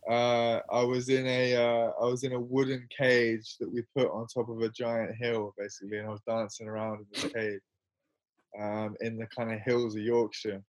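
A man's voice: mid-range voice, little pitch movement, normal speed. A young man chatting as an interview guest, rambling and self-mocking, laughing often as he talks. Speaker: interview guest, musician and filmmaker. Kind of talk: casual interview chat.

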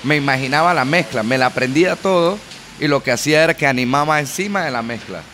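A man's voice: a little high, quick pace, pushed and bright, a little hiss or hum. A man from Panama with a Panamanian accent, a guest DJ telling stories animatedly in a casual interview and mixing in English words. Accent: Panamanian Spanish.

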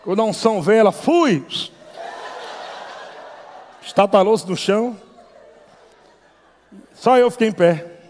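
A man telling a lively testimony as a preacher, acting out voices and laughing often. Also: high-pitched, moderate pace, long pauses, a faint crowd, a little hiss or hum. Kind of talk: testimony sermon storytelling. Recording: long hall reverb.

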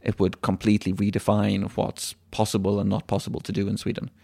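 A man giving explanatory answers as an interview guest, measured and often hesitating as he thinks. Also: lowish voice, completely flat delivery, gravelly, darkish tone, no echo. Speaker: interview guest, environmental legal activist.

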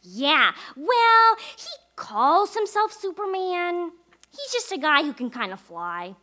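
A woman's voice: extremely high pitch, takes it slowly, full character voice. A woman doing a bragging six-year-old boy. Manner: deadpan bragging. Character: boastful, tall-tale-telling six-year-old boy. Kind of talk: live comedy radio play.

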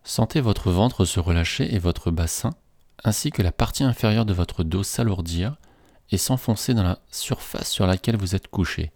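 Man, relaxation guide, soothing measured delivery, mellow dark tone, dry close sound. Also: low-pitched, no echo.

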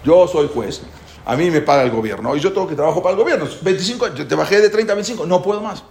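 A man's voice: a little high, animated, rapid-fire, gravelly, darkish tone. Man voicing a stern judge; firm and matter-of-fact, in a roomy space. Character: stern government-paid male judge. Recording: echoey room.

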